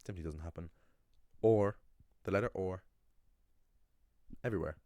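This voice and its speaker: A man's voice: low voice, normal speed, darkish tone, dry recording. A young man teaching pronunciation in a blunt, opinionated way, with frequent restarts. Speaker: language teacher. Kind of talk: casual explanatory monologue.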